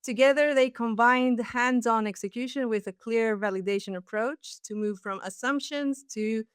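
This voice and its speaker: A woman's voice: on the high side, normal speed, smooth, no room sound, clean studio sound. A woman hosting a webinar, reading a polished scripted introduction. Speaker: webinar host.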